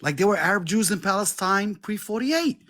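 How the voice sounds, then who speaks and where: A man's voice: sits high, lively intonation, normal speed, fairly bright tone. A man joining a livestream conversation, talking animatedly and acting out the people he argues with. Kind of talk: casual conversation.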